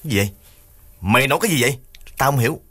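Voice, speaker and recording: A man's voice: lowish voice, normal speed. A male narrator voicing an irritated older brother who scolds and snaps impatiently. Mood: irritated, scolding. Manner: sharp, scolding, snapping.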